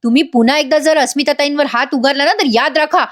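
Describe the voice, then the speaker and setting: Woman voicing a firm young woman, cold warning, high voice. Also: quick pace, a bit bright. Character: firm young wife, sister-in-law.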